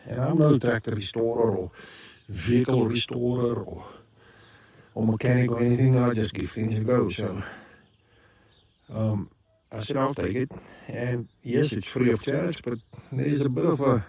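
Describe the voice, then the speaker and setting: Here a South African vlogger chats casually at his rural homestead, wandering off topic, correcting himself, and using lots of ums. He talks at a normal speed in a medium-pitched voice that's mellow and slightly rough.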